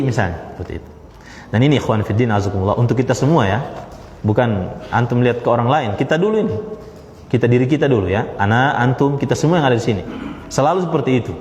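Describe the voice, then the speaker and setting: Male religious teacher with a fairly high, animated delivery and a long hall echo under faint noise. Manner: lively, repeats key phrases, pitch jumps for emphasis. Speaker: Islamic teacher. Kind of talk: religious study lecture. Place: study gathering with listeners present.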